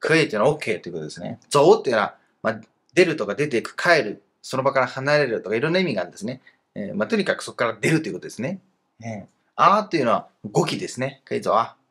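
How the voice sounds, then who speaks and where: A husky-voiced man walks through a grammar lesson with a lively, rising and falling delivery. He explains each point patiently and fills the gaps with casual fillers. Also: mid-range voice. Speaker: teacher of Chinese.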